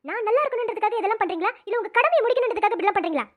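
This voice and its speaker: A woman's voice: very high voice, lively intonation, racing, phone-quality sound. A woman voicing a stubborn young woman in a cartoon, firm and pleading by turns. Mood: defiant. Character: defiant young woman, stubborn about marriage. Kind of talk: cartoon voice acting.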